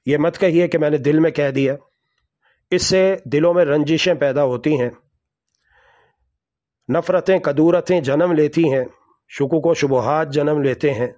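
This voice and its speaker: Slow, deliberate Urdu-speaking male preacher. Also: fairly high pitch, a little mellow. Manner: slow, deliberate, with measured pauses; recites Arabic hadith and Quran verses. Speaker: Islamic preacher. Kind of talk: religious lesson.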